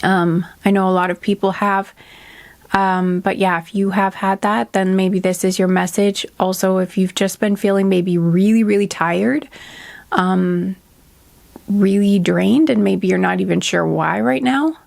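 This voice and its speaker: A woman with a stuffy, congested nose talks through a spiritual reading in a loose, casual way. She keeps drifting off on tangents and correcting herself, with frequent "um"s. Her voice sits at a middle pitch. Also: fairly even intonation, measured pace, gravelly, darkish tone. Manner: hesitant, many "um"s and self-corrections. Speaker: intuitive card reader.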